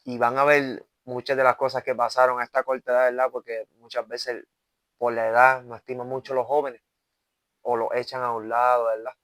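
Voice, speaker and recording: An earnest evangelist guest from Puerto Rico, in his twenties, tells his testimony in an interview, his Puerto Rican Spanish accent clear. His mid-range voice is level and fairly bright, a little fast, with no room sound, and he restarts often while tagging sentences with "¿verdad?".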